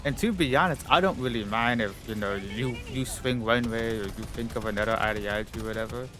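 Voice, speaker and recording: A man's voice: medium pitch, fairly quick. A man live streaming, chatting casually and rambling, his talk full of fillers, his voice a bit stuffy-nosed. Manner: rambling, filler-heavy, full of "like" and "you know". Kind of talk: casual chat while gaming on stream.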